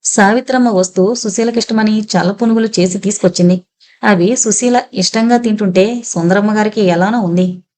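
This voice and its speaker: A woman narrating an audio novel with steady, even storytelling. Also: medium pitch, moderate pace.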